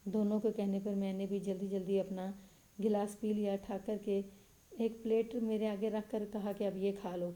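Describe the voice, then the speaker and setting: A woman reads a story aloud in a steady, measured way. Her voice is very dark and mellow, and her pitch stays flat and level. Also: rough recording. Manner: steady, even reading with little pitch movement. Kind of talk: scripted story narration.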